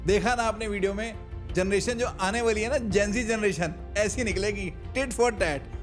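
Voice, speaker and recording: A man with a fairly high voice hosts a reaction video as a matchmaker. He talks straight to viewers in casual commentary and explains what they should take from each clip. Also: normal speed, soft background music. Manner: explaining, advising viewers directly.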